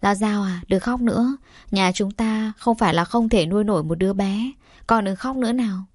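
A woman's voice: mid-range voice, moderate pace, darkish tone, dry recording, studio quality, natural voice. A woman voicing a worried, loving middle-aged mother in an audio story, soothing and anxious.

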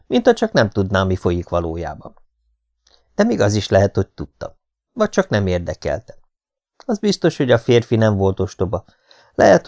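A man reading a novel aloud as an audiobook narrator, in an even, measured storytelling manner. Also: on the low side. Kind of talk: scripted narration.

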